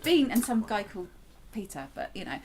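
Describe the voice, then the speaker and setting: Chatty woman with lively, swooping intonation. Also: medium pitch, fairly quick, creaky, crowd noise. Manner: chatty, enthusiastic, emphatic. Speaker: writer and director. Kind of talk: casual director's commentary chat.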